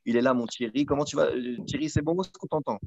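A man's voice: mid-range voice, fairly even intonation, quick pace, vocal fry, a little mellow, dull audio. A man hosting a casual live web show from home, chatty and repeating himself, full of fillers. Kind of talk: casual live-stream chat.

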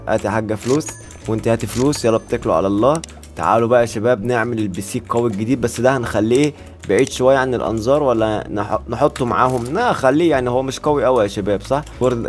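A man's voice: mid-range voice, very fast, soft background music. A man with an Egyptian Arabic accent giving casual gameplay commentary, joking and talking straight to his viewers. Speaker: gaming YouTuber.

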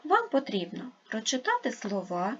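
A woman teaching an online lesson to young pupils, speaking slowly and carefully as she spells out sounds and syllables. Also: fairly high pitch, wildly swooping pitch, lo-fi sound, slight background noise. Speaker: primary school teacher.

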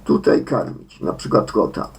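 A man with a Polish accent, a Polish speaker teaching English pronunciation, slowly repeating each word in sets of three. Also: lowish voice, lively intonation, gravelly. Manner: slow, deliberate, repeats words in sets of three. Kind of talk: slow pronunciation lesson.

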